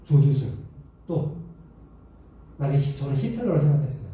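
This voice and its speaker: A youth pastor giving a conversational sermon to teenagers, often asking them questions. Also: male voice, mid-range voice, sing-song, normal speed, dark tone. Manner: conversational, asks the audience questions. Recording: echoey hall, mic far off.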